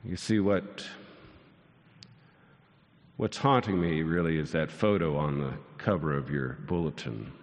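A man's voice: very deep voice, a little slow, long pauses. A pastor in his sixties preaching a sermon, telling stories with dry self-mocking humor and building to soaring lines. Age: 60s. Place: large church sanctuary. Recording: long church hall reverb.

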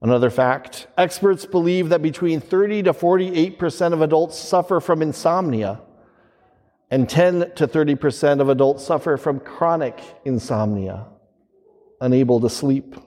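A man speaking as a priest in solemn, measured liturgical reading and preaching, his voice ringing with cathedral echo. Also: fairly high pitch, mellow. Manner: solemn, measured delivery with deliberate pauses. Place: large reverberant church. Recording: long cathedral echo, reverberant church hall.

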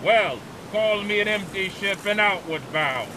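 An actor playing a grim, obsessive old whaling captain in an audio drama, hailing in a commanding manner. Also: male voice, high-pitched, animated, unhurried, noisy background. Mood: grim, defiant.

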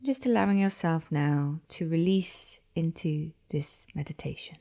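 A woman guides a meditation, speaking slowly and softly, often sinking into a half-whisper. Her voice is low and creaky.

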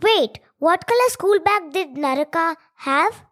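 A woman's voice: very high voice, animated, measured pace, a bit bright. A young girl with a South Indian accent in a family dialogue, using Indian English phrasing. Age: child. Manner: Indian English phrasing, addresses father as Appa. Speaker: co-host, storyteller's child.

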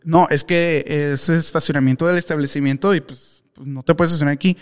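A man's voice: a little high, a little fast, voice pushed down, natural voice. A man voicing a stubborn male parking lot guard who repeats himself curtly. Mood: insistent. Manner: curt, repeats himself flatly.

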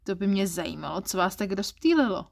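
A smug, flirtatious male office clerk who teases with suggestive double meanings, as a woman reads him in her own voice. He sounds sure of himself and playful in an erotic audio story, with an everyday voice at a middling pitch. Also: animated, creaky. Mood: teasing.

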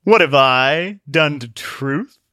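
A man voicing a smug, pompous know-it-all villain who drawls his lectures slowly. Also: a little high, expressive, pushed and bright, dry recording, clean studio sound, pitched above the performer's own voice, exaggerated voice. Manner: slow, drawn-out and pompous.

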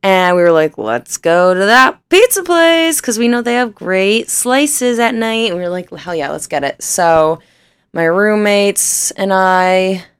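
A woman's voice: medium pitch, measured pace, smooth, no room sound. Chatty young woman, rambling and giggly. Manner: rambling, self-deprecating, laughs often, swears casually. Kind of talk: casual storytelling.

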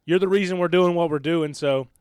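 A man's voice: on the high side, fairly quick, a little mellow, smooth, dry recording. Chatty male podcast host, clean resonant voice, close dry mic. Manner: upbeat, chatty, laughs easily. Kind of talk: casual podcast chat. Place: studio.

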